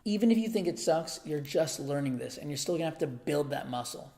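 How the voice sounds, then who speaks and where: Lively gravelly man teaching beatbox. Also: fairly high pitch, fairly quick. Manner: energetic, chatty, hyped. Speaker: beatbox tutor. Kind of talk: upbeat online tutorial.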